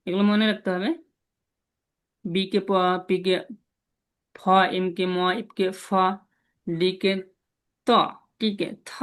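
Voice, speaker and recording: A man teaching an online language lesson, patiently repeating sounds slowly for students to copy over a video call. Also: high voice.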